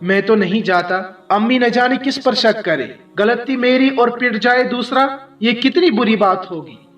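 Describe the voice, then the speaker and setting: A man's voice: very high voice, a little slow, fairly bright tone, echoey room, distant mic, faint music behind. A man doing an earnest honest boy. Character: honest, worried young boy.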